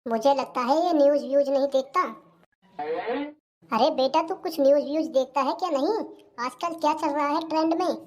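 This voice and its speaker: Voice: sits high, moderate pace, a little mellow, highs cut off, natural voice. A voice actor playing a suspicious, fearful old village mother-in-law in a comedy cartoon, speaking with a rural Hindi accent. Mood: urgent. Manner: suspicious, fretful, muttering asides.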